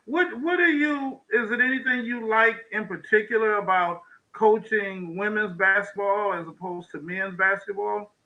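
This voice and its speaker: A man hosting a talk show, interviewing a guest in a halting way, often repeating words and laughing. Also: high-pitched, fairly even intonation, pushed and bright, dull audio. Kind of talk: interviewing a guest over video call.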